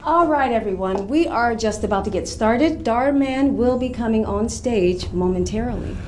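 A woman's voice: on the high side, lively intonation, normal speed, darkish tone, a little hiss or hum, close to an everyday voice. An actress playing a polite, businesslike woman ushering guests at an event. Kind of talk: scripted skit acting.

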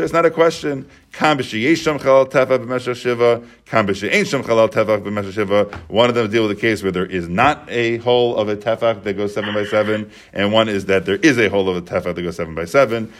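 Man, Talmud teacher, low voice, patient step-by-step explaining. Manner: explains step by step, repeats and restates points.

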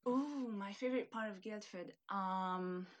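Being interviewed in a casual English conversation, a young woman from Hungary, a student whose native language is Hungarian, laughs frequently and gropes for words. She speaks a little slowly in a mid-range voice, and the audio sounds dull.

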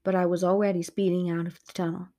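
A woman with a lowish voice reads a first-person adventure story aloud. Her narration is lively and expressive. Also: fast talker. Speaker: audiobook narrator.

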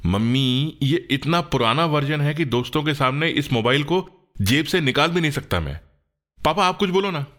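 A man's voice: fairly high pitch, animated, normal speed, pitched above the performer's own voice. Man doing a raised-voice young son. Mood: pleading. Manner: pleading, playful. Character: pleading young adult son, twenty. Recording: loud guitar music behind.

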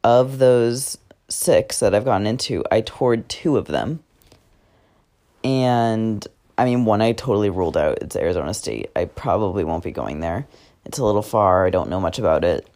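A teenage guy records a casual diary podcast at home late at night. His voice sits on the low side. He rambles, fills pauses with "um" and "like", and often backs up to correct himself. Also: a little mellow. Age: teens. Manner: rambling, many fillers and self-corrections. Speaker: podcast host.

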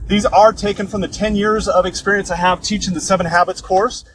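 A man's voice: sits high, fairly even intonation, a little fast, a bit bright, a little hiss or hum, low-quality recording. A man, a bit out of breath, giving an informal livestream lesson as a course instructor, explaining casually and correcting himself as he goes.

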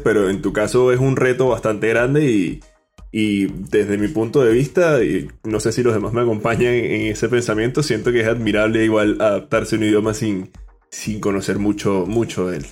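A man with a fairly low voice hosts a podcast conversation. He asks his questions slowly and carefully, with a little music underneath. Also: a little mellow. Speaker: podcast host. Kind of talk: interview chat.

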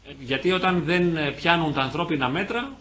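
A man's voice: a little high, a little hiss or hum. Earnest man giving a pastoral talk. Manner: earnest, gentle pastoral counselling with everyday examples. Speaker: invited speaker on marriage. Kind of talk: parish talk with audience questions. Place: church.

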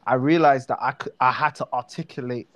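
A man with a South London accent in a relaxed casual chat, full of fillers and restarts. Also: mid-range voice, brisk. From South London, England.

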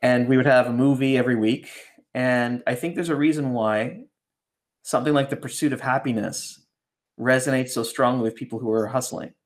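A man raised in Canada talks through his ideas as a ghostwriter on a podcast, his voice sitting at an ordinary middle pitch. He circles back, restarts his thoughts and keeps tagging them with a questioning "right?", relaxed and conversational. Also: fairly quick. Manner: reflective, rambling, keeps asking "right?". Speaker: ghostwriter guest.

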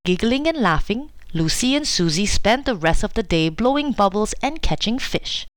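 Expressive woman reading a children's story. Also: mid-range voice, moderate pace, dry recording.

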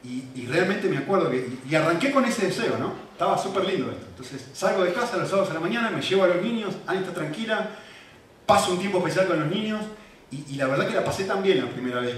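A man preaching a sermon as pastor, with a Rioplatense Spanish accent, animated and preacherly. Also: high-pitched, quick pace, recorded from a distance, a little hiss or hum. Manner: animated, preacherly, voice rising and falling sharply. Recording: echoey hall, voice from afar.

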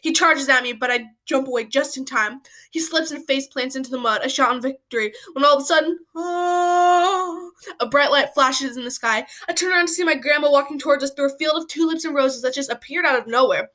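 High, bright-voiced woman telling silly stories. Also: fast talker. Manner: animated, slangy, full of "like" and "bro". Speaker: storyteller. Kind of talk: casual comic storytelling.

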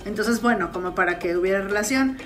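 A woman with a Mexican accent co-hosting a casual comedy chat, animated, slangy and mock-outraged. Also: medium pitch, fast, faint music behind. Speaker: podcast co-host.

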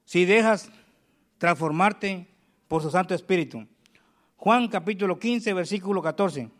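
A man preaching a sermon, reading scripture aloud slowly and calling the congregation for amens. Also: high-pitched, a bit bright.

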